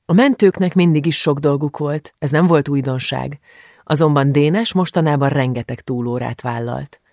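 A man narrating an audiobook in a measured, even storytelling manner. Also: on the high side, dry recording, studio quality. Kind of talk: scripted narration.

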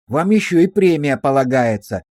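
Man playing a halting, nervous sailor. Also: fairly high pitch, lively intonation, a little mellow, no echo, clean studio sound. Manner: halting, colloquial testimony. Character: nervous young sailor confessing to police.

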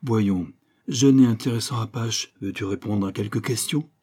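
A man voicing a sharp, commanding detective in an audiobook, firing off brisk questions and orders in a raised, higher voice. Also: breathy edge. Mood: brisk, probing. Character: sharp, commanding male detective, mid-life.

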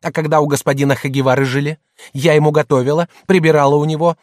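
A man reading an audiobook, voicing a middle-aged merchant's wife who mocks and shouts at her husband. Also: a little high, level tone, fast, dry recording, clean studio sound, close to an everyday voice. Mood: shouting. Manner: loud, mocking, hectoring.

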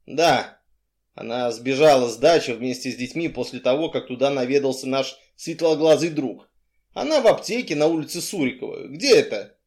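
A man doing a brisk calm bodyguard. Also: medium pitch, lightly acted. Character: calm, hurried male bodyguard professional.

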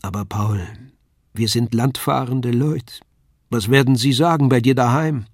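A man reading aloud, voicing a warm young puppeteer's daughter who speaks with a southern German dialect in a gentle, earnest way. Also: medium pitch, unhurried, no room sound, clean studio sound.

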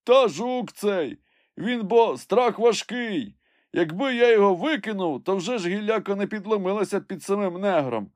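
A man voicing a stocky, simple-spoken male servant who calls down plaintively from high in a tree, in an audiobook. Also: lively intonation, normal speed, dry recording, studio quality. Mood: fearful.

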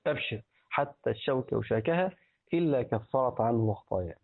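Egyptian sheikh on a tinny line. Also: male voice, medium pitch, animated, a little fast, gravelly, breathy edge. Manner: explains by repeating words, quizzes the listeners. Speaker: sheikh teaching hadith and jurisprudence. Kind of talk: religious lesson, colloquial explanation. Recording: tinny phone-like recording.

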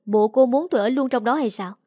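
A woman's voice: fairly high pitch, fast, mellow, no room sound, clean studio sound, voice pushed up, lightly acted. Bitter young man fresh from jail, read by a woman. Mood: resentful. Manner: resentful, accusing.

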